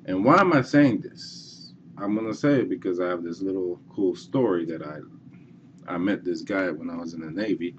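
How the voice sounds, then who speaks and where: Casting: low-voiced man, casual course presenter, halting and repetitive, slightly muffled recording. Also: background noise. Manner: halting, repeats and restarts, says okay a lot. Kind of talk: casual screencast walkthrough.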